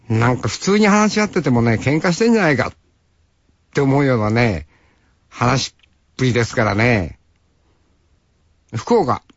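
A man's voice: mid-range voice, no room sound, highs cut off. A man in his sixties from Hokkaido, hosting a radio show with a rambling, folksy monologue that he speaks straight to the listener. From Hokkaido, Japan. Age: 60s. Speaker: radio host.

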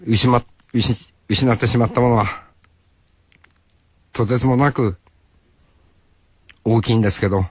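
A man's voice: medium pitch, fairly even intonation, unhurried, long pauses, husky, no room sound, muffled recording. A man in his sixties from Hokkaido, hosting a radio show with a rambling, folksy monologue that he speaks straight to the listener. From Hokkaido, Japan. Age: 60s. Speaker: radio host.

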